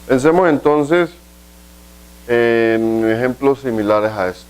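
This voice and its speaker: Male language teacher, mid pitch, patient, step-by-step video lesson, with rhetorical questions and slowly spelled-out examples. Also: clean tone, rough recording. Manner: explains step by step, asks rhetorical questions, slows down for example sentences. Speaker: English teacher.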